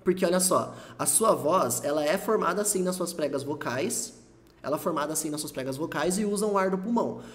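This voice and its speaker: A Brazilian English teacher with a voice on the high side gives a casual video lesson on pronunciation. He's lively, slowly repeating example words to demonstrate them.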